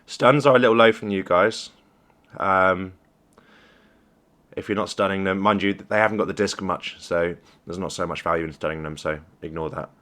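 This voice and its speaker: A man's voice: low voice, normal speed, a bit bright. A young man coaching a team while reviewing a game replay, encouraging and conversational. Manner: encouraging, conversational, praises plays. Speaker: esports coach.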